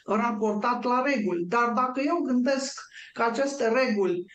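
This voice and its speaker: A woman on a talk show, calmly explaining her ideas step by step like a lecturer. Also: a little high, echoey room, slight background noise.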